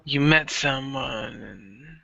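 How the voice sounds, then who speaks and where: A man playing a gravelly scheming vampire father. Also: medium pitch, takes it slowly, sharp tone, no room sound, full character voice. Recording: dull lo-fi recording.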